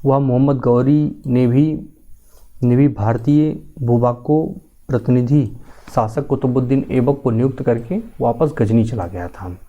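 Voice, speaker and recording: A man with a dark, mellow voice gives an exam-prep history lecture. He explains steadily and goes back over key facts so students catch them. The recording sounds dull and lo-fi. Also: medium pitch, vocal fry. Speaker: teacher.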